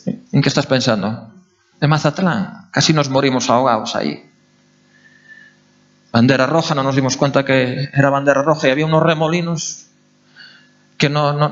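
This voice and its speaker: A male pastor, preaching a sermon in an animated way and asking his congregation questions. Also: medium pitch, moderate pace. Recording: dull lo-fi recording.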